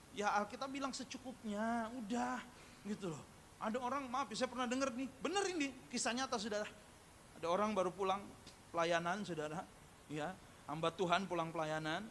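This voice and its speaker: A man preaching, with a high voice that has a bright, sharp edge. He weaves jokes and anecdotes into the sermon and keeps calling out to the congregation for amens. A faint hiss sits under the church service recording. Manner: humorous storytelling, repeatedly addressing the congregation; calls for amen and audience responses. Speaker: pastor. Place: church service, also streamed live.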